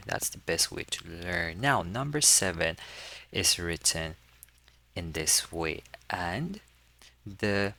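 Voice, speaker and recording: A man's voice: sits low, pushed and bright. A man giving a casual lesson, patiently demonstrating and repeating sounds for learners to copy. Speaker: language tutor. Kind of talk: casual teaching walkthrough.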